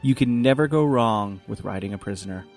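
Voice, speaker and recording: A man's voice: lowish voice, a little fast, a little mellow, soft background music. A man co-hosting a podcast, talking loosely with jokes and swearing. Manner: loose, profane, jokey. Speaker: podcast co-host. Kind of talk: casual podcast chat.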